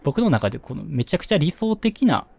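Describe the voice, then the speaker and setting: A young man with a Kansai accent, chatting casually as a podcast co-host, musing with quick asides. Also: a little high, sing-song, gravelly, mellow, husky. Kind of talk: casual chat.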